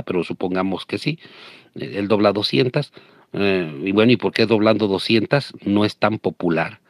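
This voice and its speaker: A man's voice: low-pitched, dry recording. A man hosting his channel, delivering a crude, combative rant of commentary. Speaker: channel host. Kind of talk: ranting commentary.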